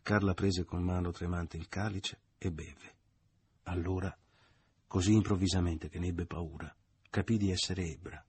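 A man reads a novel aloud with measured, expressive storytelling. His voice is very low and husky. It is a dramatic literary reading. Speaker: audiobook reader.

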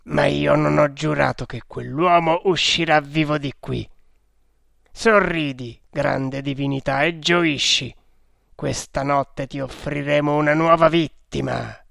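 A man's voice: mid-range voice, steady tone, slow, creaky, a bit bright, no room sound, clean studio sound, heavily acted. A man voicing a cruel, fanatical male temple priest in an audiobook, speaking sternly and without mercy. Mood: menacing. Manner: stern, implacable, menacing. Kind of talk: audiobook character reading.

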